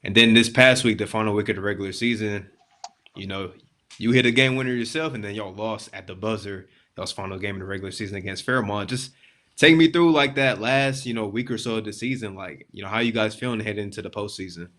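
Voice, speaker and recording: Young male sports interviewer, fairly low voice, informal and conversational. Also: quick pace, fairly bright tone. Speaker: co-host interviewer.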